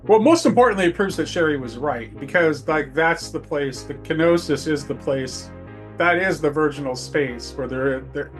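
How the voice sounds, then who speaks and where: A man in a casual philosophical discussion whose sentences come out halting and tangled. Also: a little high, animated, soft background music.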